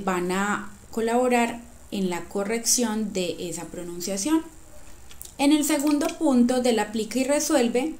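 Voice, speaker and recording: A woman's voice: a little high, darkish tone. A woman teacher patiently walking students through a workbook lesson, asking frequent checking questions.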